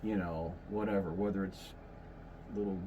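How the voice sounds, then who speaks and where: A man's voice: low voice, fairly even intonation, moderate pace, noisy background. A man in his fifties hosting a podcast in casual chat, rambling and correcting himself as he goes. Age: 50s. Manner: rambling, self-correcting, folksy. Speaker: podcast host.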